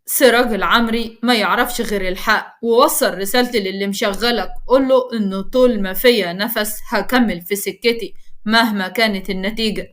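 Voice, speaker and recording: A man's voice: high voice, fairly even intonation, brisk, fairly bright tone. A woman voicing a stubborn, principled lawyer with an Egyptian accent, speaking firmly. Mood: defiant. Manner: firm, defiant. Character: principled stubborn lawyer brother, firm and defiant.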